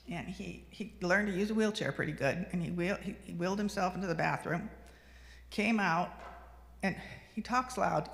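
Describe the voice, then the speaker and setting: Woman, 60s, lay speaker. Chatty and reflective, some fry in the voice, recorded on a reverberant livestream. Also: lowish voice. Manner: conversational storytelling with frequent ums and restarts. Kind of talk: personal reflection talk. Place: fellowship meeting hall. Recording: long hall reverb on a livestream.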